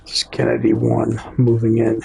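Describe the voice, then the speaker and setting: A man's voice: mid-range voice, monotone, moderate pace, gravelly, a little mellow, breathy edge. A man with a Midwestern American accent giving casual gameplay commentary, chatty and talking straight to his viewers, often correcting himself mid-thought. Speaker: gaming YouTuber.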